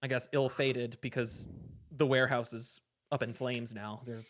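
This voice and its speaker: A man's voice: medium pitch, level tone, normal speed, over a noisy crowd. A man game master narrating a tabletop game, rambling with many fillers.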